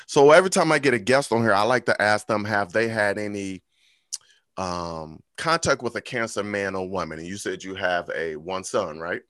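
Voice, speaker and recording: A man hosts a podcast in a loose, conversational way, telling animated stories and leaning on "like" as he talks. His voice sits low, and the recording is dry and close, with no room sound. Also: moderate pace, no echo. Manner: animated storytelling, repeats "like". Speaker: podcast host. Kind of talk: casual chat.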